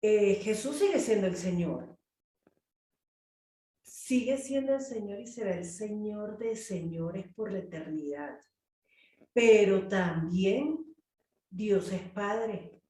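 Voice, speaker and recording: A woman's voice: medium pitch, takes it slowly, pauses often, roomy sound, far from the mic. A woman leading a group Bible study, speaking animatedly and acting out prayers and quotes. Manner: animated, acts out prayers and quotes in changing voices.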